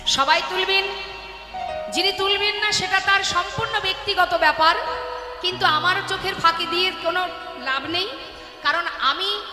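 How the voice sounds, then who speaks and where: A woman preacher and kirtan singer giving a devotional sermon, urging the audience and breaking into chants. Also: very high voice. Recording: echoey hall with loud music.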